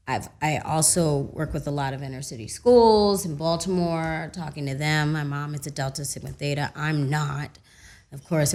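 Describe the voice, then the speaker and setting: A young woman, an actress guest, chatting casually in a radio studio and telling animated stories with laughter. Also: low voice. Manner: animated storytelling, laughing, loud when excited. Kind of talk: casual radio interview chat.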